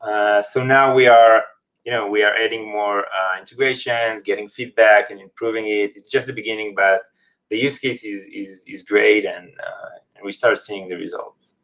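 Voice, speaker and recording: A man's voice: lowish voice, steady tone, normal speed, a bit bright, poor audio. Man explaining in English. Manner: non-native English phrasing. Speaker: company representative, podcast guest. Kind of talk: casual interview, explaining a product.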